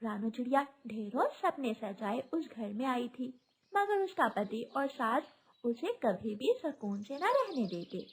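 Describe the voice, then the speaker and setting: A woman narrating a children's cartoon story in an expressive, scripted way. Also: a little high, a little slow, slightly rough.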